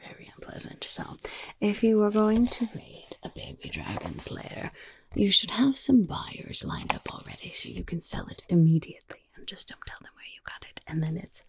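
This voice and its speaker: In a whispered ASMR fantasy roleplay, a woman plays a chatty, roguish goblin guild member, delivering casual, conspiratorial lines and wry asides. Her medium-pitched voice is breathy, whispery and exaggerated, with no room sound.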